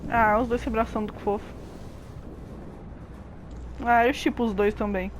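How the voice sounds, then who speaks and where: A woman's voice: fairly high pitch, steady tone, moderate pace, slight background noise, rough recording. A Brazilian woman giving casual, chatty gameplay commentary with plenty of slang. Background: music and game audio.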